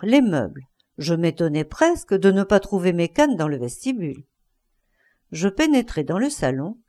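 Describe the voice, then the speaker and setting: A woman's voice: medium pitch, darkish tone. A woman reading a classic short story aloud as first-person narration for an audiobook. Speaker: audiobook reader.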